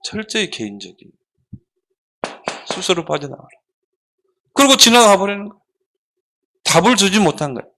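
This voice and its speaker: A man preaching a children's sermon, animated and asking the children rhetorical questions. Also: high voice, fast talker, a little hiss or hum. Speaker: pastor.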